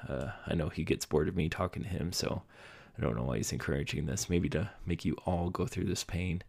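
Host: young adult man, very deep gravelly voice, husky, meandering solo podcast talk. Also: fairly quick, a little mellow. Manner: rambling, self-deprecating, many fillers. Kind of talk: casual solo podcast monologue. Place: home basement room.

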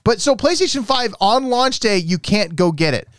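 A man hosting a casual chat and steering the topics, with an animated delivery. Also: high-pitched, normal speed, clean tone, no room sound, clean studio sound. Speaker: podcast host.

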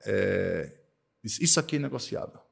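A man from Northeast Brazil who runs an accounting firm, talking in a casual podcast conversation, emphatic and repetitive, tagging his points with quick checks for agreement. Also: fairly low pitch, big pitch swings, gravelly. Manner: emphatic, repeats himself, tag questions "tá?" and "né?".

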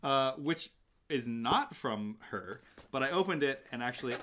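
A young man chatting casually as a podcast co-host. He rambles and restarts his sentences, with frequent fillers and laughs. His pitch is ordinary for a man. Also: animated, a little slow, sharp tone. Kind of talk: casual chat.

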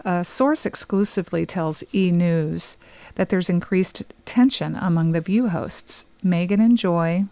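A woman's voice: lowish voice, unhurried, mellow, no echo. A woman co-hosting a casual talk podcast, reading out entertainment news with chatty asides. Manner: reads news items aloud, chatty asides. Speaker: podcast co-host.

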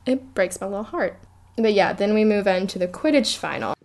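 Animated woman co-hosting a book podcast. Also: medium pitch, a little fast, creaky. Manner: animated, reads passages aloud with laughter. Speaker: podcast co-host. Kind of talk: casual book-club chat.

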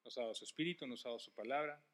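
Impassioned bright-voiced male pastor. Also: mid-range voice, very fast. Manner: impassioned, emphatic, swings between loud and hushed. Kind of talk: sermon and closing prayer.

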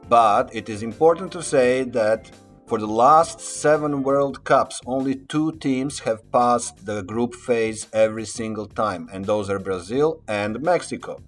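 Man, medium pitch, informal prepared talk, guest contributor, faint music behind.

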